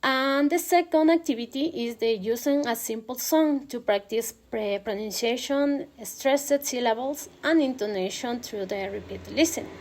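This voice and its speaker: In this recorded class presentation, a young woman acting as student presenter explains pronunciation in a slightly high voice. She's careful and hesitant, plugging gaps with frequent "eh" sounds.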